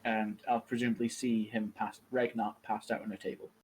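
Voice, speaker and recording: A player in a tabletop game, wry and deadpan. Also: mid-range voice, fairly quick, a little hiss or hum, poor audio. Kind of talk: tabletop role-play in character.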